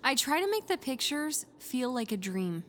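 A young woman joining a podcast chat with quick, offhand remarks. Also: high-pitched, very animated, fairly bright tone, a little hiss or hum.

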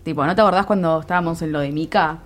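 A woman's voice: low-pitched, rapid-fire, soft background music. A young woman with a Rioplatense Argentine accent chatting casually with friends, blunt and teasing. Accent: Rioplatense Argentine Spanish. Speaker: friend in the chat. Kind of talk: casual chat.

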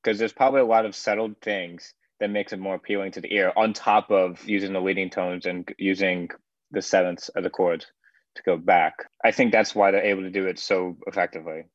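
A deep-voiced man in casual music talk. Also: fairly even intonation, brisk, no room sound, highs cut off. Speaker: music analysis co-host. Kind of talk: casual analytical chat.

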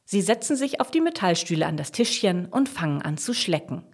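A woman reads a children's story aloud with an expressive, storytelling manner. Her pitch moves in a lively way, rising and falling through the sentences. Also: fairly quick, slightly rough. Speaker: narrator.

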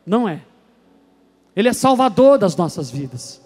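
High-voiced male preacher telling stories. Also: very animated, normal speed. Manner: storytelling, acts out voices, swings between soft and loud. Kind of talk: sermon.

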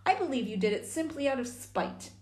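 A woman's voice: sits high, big pitch swings, fairly quick, darkish tone, echoey room, pitched above the performer's own voice. A woman voicing a stern older brother who scolds in a storybook reading. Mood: scolding.

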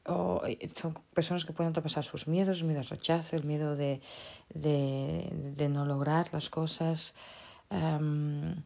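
A woman's voice: low-pitched, little pitch movement, a little slow, creaky, dark tone. A woman giving an unscripted motivational talk, speaking hesitantly with many restarts and checking in with tag questions.

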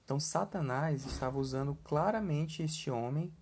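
A man's voice: on the high side, moderate pace, darkish tone, husky. A man giving a casual scripture lesson in a conversational way, often putting questions to the listeners and adding tag questions. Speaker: scripture teacher.

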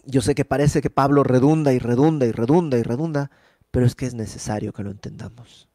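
A man's voice: mid-range voice, fairly quick, mellow, no room sound, clean studio sound. A man preaching a conversational sermon, explaining Bible verses with rhetorical questions and everyday examples.

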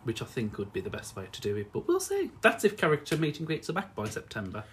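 A man co-hosting a podcast in casual chat, animated and quick to laugh. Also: medium pitch, a little hiss or hum. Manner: animated, laughs a lot, mimics voices in quotes. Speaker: podcast co-host.

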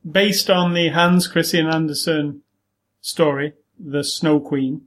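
A man's voice: on the high side, fairly even intonation, slow pace. A British man hosting a podcast in a casual style, with dry, teasing humour. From United Kingdom. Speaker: podcast host.

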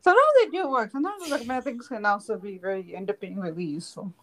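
A young woman co-hosting a podcast in casual chat, talking quickly with lots of fillers and frequent giggles. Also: mid-range voice. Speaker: podcast co-host.

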